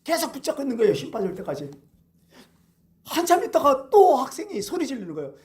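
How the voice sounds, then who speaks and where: A man's voice: very high-pitched, fast talker. A male pastor preaching a Sunday sermon, telling stories and asking the congregation rhetorical questions. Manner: animated storytelling with rhetorical questions.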